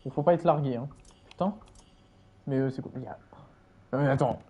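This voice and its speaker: A man's voice: mid-range voice, fairly quick, mellow, muffled recording, slight background noise. A man casually commenting on a game he is playing, rambling with many fillers and chatting to his viewers. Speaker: streamer.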